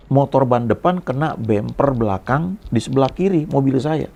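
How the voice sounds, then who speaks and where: A man's voice: mid-range voice, moderate pace, vocal fry, darkish tone. A middle-aged man, a pastor, telling a personal testimony in a sermon, speaking in a conversational storytelling way with frequent tag words.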